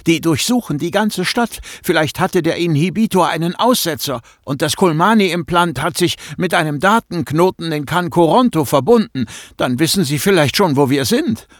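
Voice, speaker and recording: A man's voice: a little high, lively intonation, normal speed, hardly any pauses, dry recording, studio quality, voice pushed up. Man voicing an anxious teenage schoolboy. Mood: pleading. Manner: agitated, pleading. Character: anxious teenage schoolboy, first-person hero. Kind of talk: audiobook reading.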